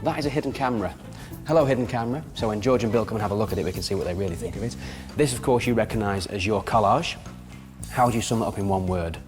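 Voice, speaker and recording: Brisk, jokey male TV host. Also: lowish voice, big-room sound, music in the background. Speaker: TV prank show host. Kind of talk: energetic presenting to camera.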